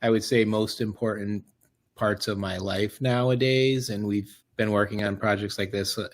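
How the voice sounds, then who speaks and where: A man's voice: lowish voice, steady tone, moderate pace. A man, a videographer, answering on a festival Q&A panel in a thoughtful, rambling way. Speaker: videographer and editor.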